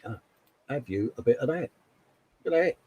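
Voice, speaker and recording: A man's voice: medium pitch, animated, normal speed, a little mellow, breathy edge, lo-fi sound. A man co-hosting a casual hobby show, reading out posts in a chummy, colloquial way, often calling people mate. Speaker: co-host of a hobby live show.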